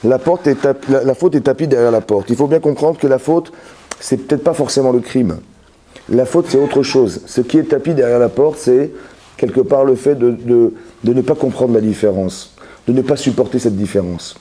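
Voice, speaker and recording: A man's voice: mid-range voice, moderate pace, mellow. A man, a rabbi, giving a Torah lesson that explains with everyday examples, with many restarts and repeated words, often checking that his listeners follow.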